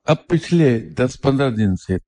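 A man voicing a kindly, wise old king who explains patiently in a measured way. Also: medium pitch, animated, mellow, no room sound, pitched above the performer's own voice, lightly acted. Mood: reassuring.

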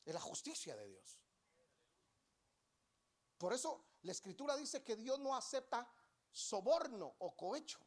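Lively, high-voiced woman preacher. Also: measured pace, pauses often. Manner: animated, acts out little dialogues, quizzes the congregation. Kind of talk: sermon.

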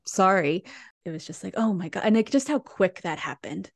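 A podcast co-host with a medium-pitched voice and vocal fry recaps a musical at a normal pace. She's animated and chatty, rambling with plenty of "like" and frequent restarts. The audio has no room sound.

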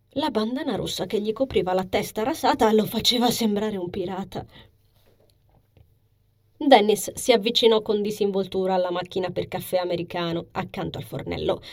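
A woman narrates a novel in a soft, hushed reading voice that now and then slips into a whisper. Her tone is husky and breathy, sitting at an ordinary pitch for a woman. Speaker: audiobook narrator. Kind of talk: scripted narration.

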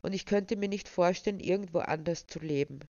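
A woman voicing a shy, eager young village woman, soft and earnest, in a dull, dry recording. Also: lowish voice, fairly quick, no room sound, close to an everyday voice.

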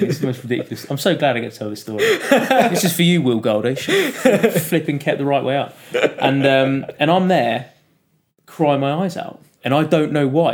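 A man, a podcast guest, telling stories in a casual, animated way and acting out the quotes of others. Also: medium pitch. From United Kingdom. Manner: animated, laughing storyteller who acts out quotes. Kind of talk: casual storytelling interview.

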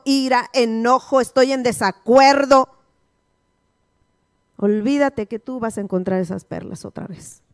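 High-voiced woman pastor preaching. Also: dry recording, clean studio sound. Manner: call-and-response, repeated questions to the congregation. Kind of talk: sermon teaching.

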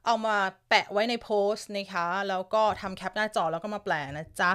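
Her voice is mid-range, smooth and fairly bright, and she talks fairly quickly. She's a Thai live-stream news host chatting casually with viewers from an upstairs room in her home, giggling, reading their comments aloud and nursing a lingering cough.

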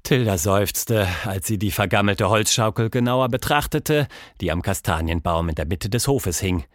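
A man reading a children's storybook aloud, with expressive, unhurried narration on a close studio mic. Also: lowish voice, no echo. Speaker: storybook reader.

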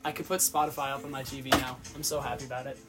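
A man's voice: mid-range voice, little pitch movement, racing, over loud music. A young man in casual chat with friends, dry and sardonic, swearing freely.

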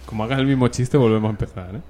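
A man with a Spain Spanish accent co-hosting a casual podcast chat, joking and quick to laugh. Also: medium pitch, dark tone. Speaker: podcast co-host.

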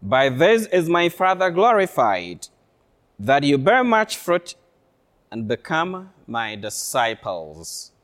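A man speaking as a priest to his congregation, reading scripture in a measured, deliberate way. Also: a little high, wildly swooping pitch, fairly bright tone. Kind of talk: solemn Gospel reading and address to a congregation.

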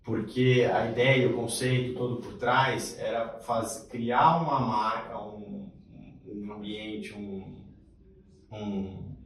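A man hosting a casual podcast, joking and animated as he keeps the talk going. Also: fairly low pitch, takes it slowly, far from the mic, a little hiss or hum. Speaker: podcast host. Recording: roomy echo, off-mic.

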